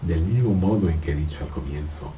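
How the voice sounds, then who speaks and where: A man giving a slow, reflective philosophical talk, halting and repeating his words, with frequent rhetorical questions. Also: recorded from a distance. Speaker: spiritual speaker giving a talk. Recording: old lo-fi tape, phone-like, noisy with rumble.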